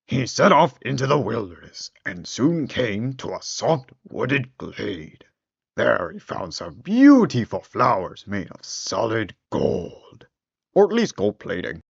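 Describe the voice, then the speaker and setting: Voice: medium pitch, very animated, slow, gravelly, slightly rough, dry recording. A storyteller giving a theatrical, wry comic narration of a fairy tale on a dull lo-fi recording.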